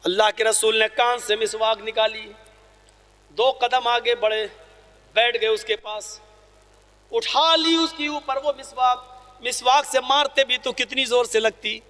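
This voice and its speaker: Dramatic male preacher, storytelling sermon, very bright edge, echoing hall. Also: very high voice, fairly even intonation. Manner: dramatic, shifts between soaring and hushed delivery. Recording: long hall reverb.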